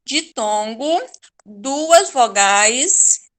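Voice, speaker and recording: A middle-aged Brazilian woman teaches grammar to a class, her voice pitched high. She patiently repeats example words, drawing them out slowly to show how the syllables split. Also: animated, fairly bright tone. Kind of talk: online Portuguese grammar lesson.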